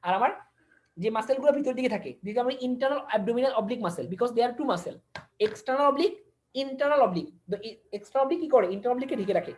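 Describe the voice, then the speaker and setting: A woman's voice: on the high side, animated, moderate pace, darkish tone. A woman teaching an online anatomy class, switching between languages for technical terms, repeating key words and quizzing her listeners. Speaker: anatomy lecturer.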